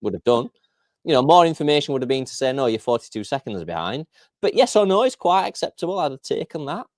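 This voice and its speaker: A man's voice: a little high, expressive, quick pace, a little mellow, no echo, studio quality. A man co-hosting a sports podcast in casual chat, joking and swearing freely. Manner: swears freely, jokey and rambling. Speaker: podcast co-host.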